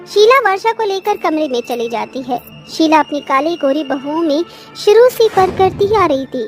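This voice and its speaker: Brief: woman narrator for a cartoon story, very high voice, faint music under. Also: lively intonation, normal speed. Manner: storytelling, dramatic. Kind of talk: scripted narration.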